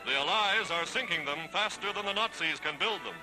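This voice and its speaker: High-voiced man narrating an old newsreel. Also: expressive, a little fast, rough recording. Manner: declamatory, stirring, triumphant. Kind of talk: 1940s wartime newsreel narration. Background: loud music.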